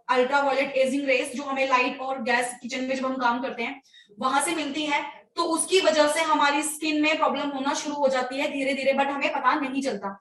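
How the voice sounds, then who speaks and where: High-voiced woman in an echoey room. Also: fairly bright tone, distant mic. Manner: informal, many fillers and restarts. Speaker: skin care presenter. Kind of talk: casual spoken tutorial.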